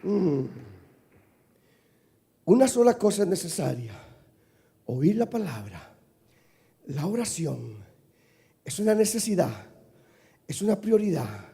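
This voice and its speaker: A male pastor preaching from the pulpit, his voice sitting high for a man. He leads the congregation in call-and-response and climbs to shouted peaks. The sound rings with a long church-hall reverb. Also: sing-song, measured pace, gravelly, pauses often, slightly rough. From Costa Rica. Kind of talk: sermon. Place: church sanctuary.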